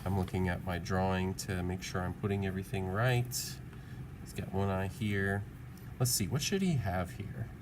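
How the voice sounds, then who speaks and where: This is an art teacher's casual drawing tutorial, delivered by a man with a low voice at a moderate pace. His thinking-aloud style is informal, encouraging and musing, and the recording carries clearly audible background noise.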